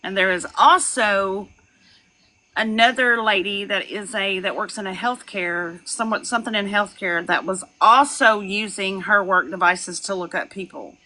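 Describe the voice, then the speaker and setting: A young woman on a live stream, ranting and gossiping in a loud, profane way, with laughs and shouted lines. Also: mid-range voice, moderate pace, rough recording. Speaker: livestreamer. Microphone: phone.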